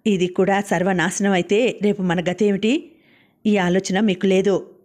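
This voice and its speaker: A woman's voice: medium pitch, little pitch movement, measured pace, a little mellow, close to an everyday voice. A woman reading the part of an ailing young wife who stubbornly refuses her husband. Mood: defiant.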